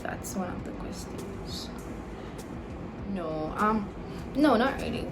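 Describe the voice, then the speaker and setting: Background noise runs under this casual Q&A vlog, where a 21-year-old woman of Jamaican and Dominican heritage answers viewer questions. She speaks Caribbean English in a mid-range voice at a slow pace, easygoing and full of "like" and "you know."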